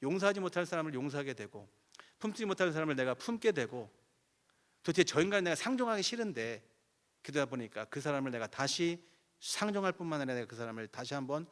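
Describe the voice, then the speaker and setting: Male guest pastor, revival sermon, lively and wide-ranging delivery, plays both voices in his stories. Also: fairly high pitch, fast talker. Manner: animated storytelling, acting out both sides of conversations. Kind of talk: sermon with acted prayer dialogue.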